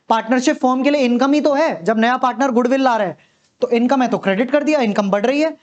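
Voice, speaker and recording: A man teaching accountancy in a lecture, posing questions and answering them the way his students would, and checking in with a frequent "okay". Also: very high-pitched. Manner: repeats a reassuring "okay" to check understanding. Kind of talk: classroom lecture.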